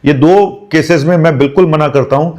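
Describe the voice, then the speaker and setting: A man's voice: a little high, normal speed, a little mellow, highs cut off. A middle-aged man, a doctor, giving emphatic, direct health advice in a video. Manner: emphatic, pleading and direct with viewers.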